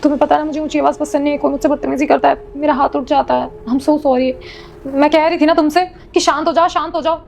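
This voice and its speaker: A woman's voice: high voice, steady tone, quick pace, vocal fry, darkish tone, slight background noise. A woman playing a hot-tempered young wife in a short domestic drama, who scolds, justifies herself and pleads. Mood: scolding. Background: faint background music.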